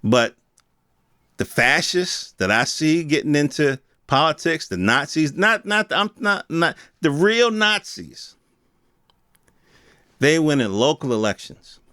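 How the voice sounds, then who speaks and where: A podcast host launches into a casual, unscripted opinion rant, using slangy, informal language with some swearing and firing rhetorical questions at his listeners. His fairly high voice is very animated, pushed and bright, though he takes it slowly, recorded clean in a studio with no echo.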